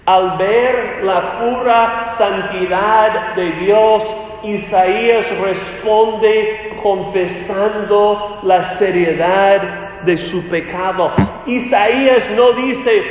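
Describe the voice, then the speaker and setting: A high-pitched man preaching at a very slow, deliberate pace. His sermon sinks to quiet lows and climbs again for emphasis. The voice rings through a large hall with long, echoing reverb. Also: faint music behind. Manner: slow, deliberate preaching with dramatic dips and rises.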